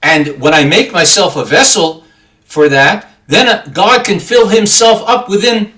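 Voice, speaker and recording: Casting: man, somewhat high voice, calm teacherly explainer of Torah. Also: a little slow. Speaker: podcast co-host. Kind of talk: Torah study discussion.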